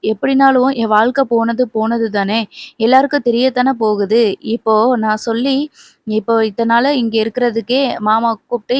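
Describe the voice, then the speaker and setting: A woman's voice: fairly high pitch, close to an everyday voice. Lady reading out a crying young wife, bitter and sad, no room echo. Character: young married woman, tearful and bitter.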